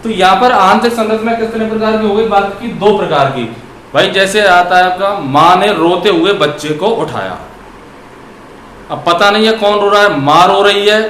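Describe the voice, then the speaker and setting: A high-pitched, slightly bright man teaches a grammar lesson, asking his students questions and then answering them himself. When dictating examples he draws his words out slowly, in an echoing room with a faint background hiss.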